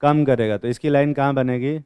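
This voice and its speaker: A man teaching chemistry to a class, quizzing students and teasing them in blunt, rough slang. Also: mid-range voice, steady tone, brisk, darkish tone, no echo. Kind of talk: classroom lecture with questioning.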